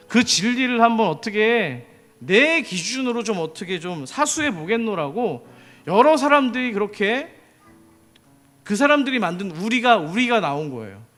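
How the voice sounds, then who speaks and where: A man's voice: high voice, fairly bright tone. A man preaching a sermon as pastor, often putting questions to the congregation.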